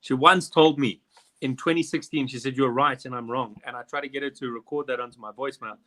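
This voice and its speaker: A man's voice: mid-range voice, fast, pushed and bright. A man, hosting a live online quiz in a chatty, rambling way with jokey asides. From South Africa. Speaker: quiz host. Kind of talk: casual live quiz chat.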